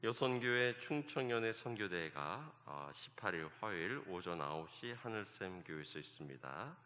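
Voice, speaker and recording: Low-pitched male pastor, halting announcements, reverberant sanctuary. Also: very animated, bright, forceful tone. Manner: fills pauses with repeated "yes". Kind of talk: church service announcements. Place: church sanctuary. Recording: long church reverb, faint ambience.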